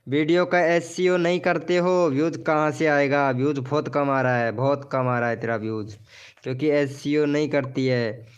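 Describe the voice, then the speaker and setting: A man's voice: fairly high pitch, smooth, dull audio. A man hosting a casual live stream who promotes viewers' channels, teases them jokingly and calls each of them by name.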